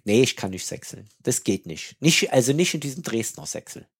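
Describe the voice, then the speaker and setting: A man from Berlin co-hosts a casual podcast, chatty and lively. His husky voice swings widely in pitch, and his speech sounds a little breathy. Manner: lively, chatty, quick to laugh. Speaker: podcast co-host. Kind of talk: casual chat.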